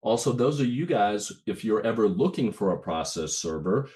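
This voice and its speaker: Low-voiced man presenting on a webinar. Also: expressive, moderate pace, a little mellow. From Ukraine. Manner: conversational, with frequent fillers and restarts. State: has a cold, itchy throat. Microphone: video call.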